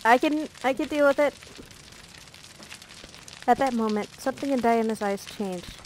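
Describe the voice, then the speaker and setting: A woman's voice: a little high, normal speed, darkish tone, slight background noise, poor audio. A woman reading a visual novel aloud as a let's play narrator, playful and breaking off for jokey asides.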